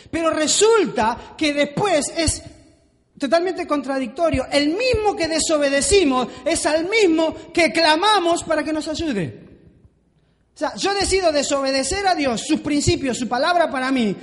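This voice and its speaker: A man's voice: very high voice, animated, normal speed. A man preaching a sermon to a congregation in a church hall, driving his points home with repeated rhetorical questions. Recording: long reverb of a large hall.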